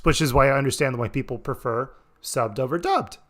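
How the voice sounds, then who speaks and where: A man's voice: mid-range voice, a little fast, fairly bright tone. A man giving casual, rambling reaction commentary on a stream, swearing freely. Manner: rambling, profane, laid-back.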